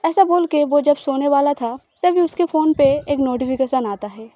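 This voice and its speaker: A woman narrating a romantic audio story in a steady, plain storytelling manner. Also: high-pitched, moderate pace.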